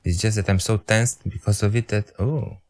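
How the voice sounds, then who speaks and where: Here a young male gamer, originally a Romanian speaker, gives relaxed commentary at a moderate pace in a fairly low, steady, darkish voice. He teases himself about his intellect, works through his thoughts aloud, and appeals to the game as if it could hear him.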